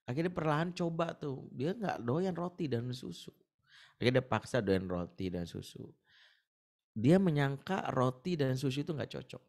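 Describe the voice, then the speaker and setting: A male religious speaker giving a talk on a webinar. He tells stories animatedly and slips in and out of the voices of the people in them, swinging widely in pitch. The sound comes through a video call. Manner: animated storytelling, acts out quoted voices. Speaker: ustaz speaker.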